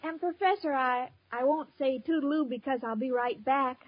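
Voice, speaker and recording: Casting: naive, love-struck young woman, extremely high voice, radio sitcom, muffled hissy recording. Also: normal speed, husky. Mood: naive, earnest. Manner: naive, earnestly literal. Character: sweet, dim-witted, love-struck young woman, easily upset. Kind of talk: old radio sitcom acting.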